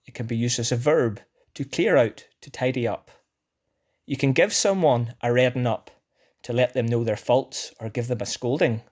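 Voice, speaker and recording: A man's voice: mid-range voice, darkish tone. Northern Irish man reading an educational script. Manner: measured dictionary-style delivery with definitions and examples. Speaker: language teacher presenting a word list.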